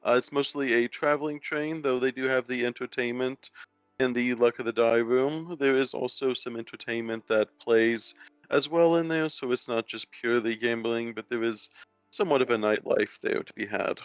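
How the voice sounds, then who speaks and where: A man running a tabletop game as game master, talking in a casual, halting way with many fillers, heard through a thin, tinny headset mic. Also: medium pitch, clear, resonant tone, dry recording, soft background music. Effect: thin, tinny headset mic sound. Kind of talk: narrating a tabletop game online. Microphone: cheap headset mic. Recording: dull, dry, lo-fi headset mic.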